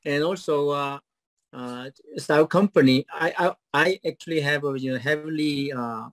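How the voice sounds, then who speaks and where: This is a startup founder, a middle-aged man with a Korean accent, on a video call from a home office with a webcam mic. His pitch sounds rehearsed, but his answers to questions are halting, crowded with fillers and false starts. There's no echo.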